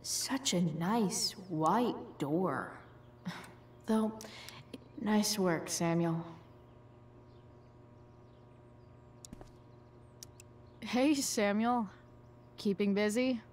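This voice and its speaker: A woman's voice: medium pitch, extremely slow, long pauses, darkish tone, slight background noise. An actress playing a rebellious teenage girl in a video game, sarcastic, slangy and guarded with a dry delivery. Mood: dry, amused. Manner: dry, sardonic, slangy, hesitant at times.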